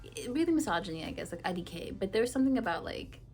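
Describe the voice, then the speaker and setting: A woman's voice: mid-range voice, very animated, fast talker, a little mellow. A woman from Ethiopia giving a casual tarot reading to camera, talking frankly in a chatty way with many fillers. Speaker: tarot reader.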